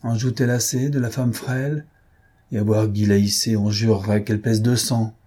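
A wry gentleman from a period novel, as a man reads him, ironic and half-mocking. His voice is low and mellow with a husky grain. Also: steady tone, normal speed. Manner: teasing, ironic.

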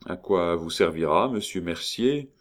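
A man reading a novel aloud, voicing a timid, suffering young notary in a low, hushed voice. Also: lively intonation, a little slow.

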